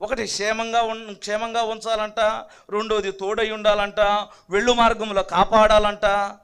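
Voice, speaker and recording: A Telugu-accented man preaches to his church in a very high voice. His tone is forceful and bright, and he swings between loud proclamation and quiet asides to the congregation. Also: little pitch movement, moderate pace, smooth. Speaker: pastor. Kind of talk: sermon. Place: church hall.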